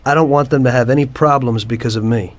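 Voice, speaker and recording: This cutscene features an actor voicing a one-time taxi driver turned mafia man, who now informs and relates his history to a detective with calm, unrepentant detachment. He talks fast in a mid-range voice, plainly and matter-of-factly, with light acting.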